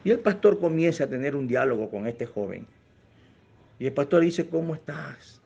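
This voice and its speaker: A man's voice: medium pitch, big pitch swings, moderate pace, vocal fry, a little mellow, slightly rough, dull audio. A male pastor telling a story in a sermon, earnest and reflective, speaking directly to his congregation. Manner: earnest, reflective, addresses listeners as brothers.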